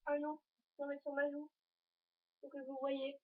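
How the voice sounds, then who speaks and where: A woman's voice: sits high, completely flat delivery, a little slow. Chatty teenage girl on a dull lo-fi recording. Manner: chatty and rambling, full of hesitations; talks to the viewers while showing items. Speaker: vlogger. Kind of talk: casual fashion haul vlog. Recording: dull lo-fi home video recording.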